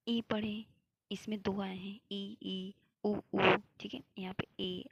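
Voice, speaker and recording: A woman's voice: mid-range voice, vocal fry, heavy background noise. A young woman teaching Hindi grammar for an exam, explaining step by step and answering her own questions. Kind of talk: classroom lecture.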